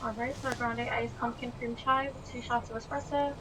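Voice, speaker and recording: A woman working a drive-thru, taking an order through the speaker in a brisk, friendly way. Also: a little high, little pitch movement, far from the mic, background noise. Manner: brisk and friendly, calls the customer hun.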